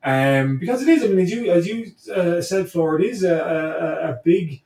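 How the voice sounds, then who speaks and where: His voice sits high with a darkish tone at a moderate pace as this native English-speaking man, an interview guest, talks reflectively. He hesitates and repeats words while thinking it through. He's recorded far from the mic in an echoey room.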